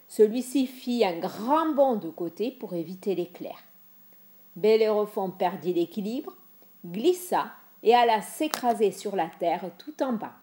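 A woman reads a myth aloud in a gentle, expressive way. She takes her time, very unhurried, with a mellow, soft tone. Her pitch rises and falls freely, carrying the tale along. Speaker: storyteller. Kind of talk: reading a myth for children.

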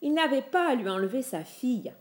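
A woman voicing a sharp-tongued goddess in a storybook, answering in a curt, dry way. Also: sits high, animated, brisk, pitched above the performer's own voice.

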